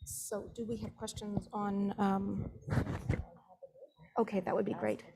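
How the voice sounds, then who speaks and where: A woman's voice: medium pitch, flat delivery, slow, mellow, rough recording. A woman moderating a panel informally, inviting questions from an audience.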